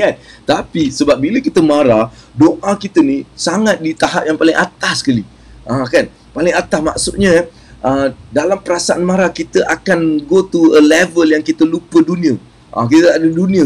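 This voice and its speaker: A fairly high-pitched, husky-voiced man with a Malaysian Malay accent, speaking as a business motivational speaker. He talks to his viewers in a chatty, playful way, laughing often and mixing English phrases into his speech. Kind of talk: casual live-streamed business talk.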